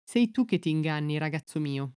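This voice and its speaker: A woman reading the lines of a suave magician in evening dress in a fairy tale, in a smooth, assured way. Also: low-pitched, expressive, moderate pace, warm tone, no room sound, clean studio sound.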